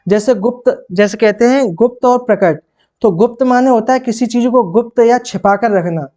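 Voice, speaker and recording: A man teaching for a Hindi exam. He asks questions and answers them himself, and repeats and rereads phrases slowly. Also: very high voice, dark tone. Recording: dull lo-fi sound.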